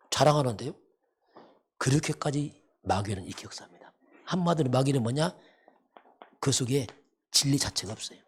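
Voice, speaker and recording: A man's voice: a little high, darkish tone, slightly rough. A man preaching a sermon as pastor, emphatic and repetitive, often asking rhetorical questions. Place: church sanctuary.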